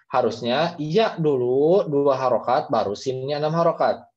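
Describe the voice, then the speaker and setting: A man's voice: mid-range voice, normal speed, darkish tone, breathy edge. A man, teaching Quran recitation in an online class, patiently explaining and modeling the readings aloud. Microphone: video call. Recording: dull lo-fi video call audio.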